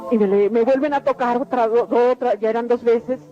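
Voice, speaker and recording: On a dull, lo-fi radio recording with faint music behind her, a middle-aged woman gives her religious testimony. She speaks briskly in a fairly high, fairly even voice, earnest and repetitive as she tells her story.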